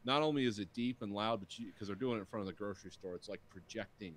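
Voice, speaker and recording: A podcast host in his forties rambles through crude banter from a dim home studio, swearing freely, telling stories and mimicking people. His voice is fairly low and he talks fast, using a studio mic on a boom arm with headphones, with crowd noise audible.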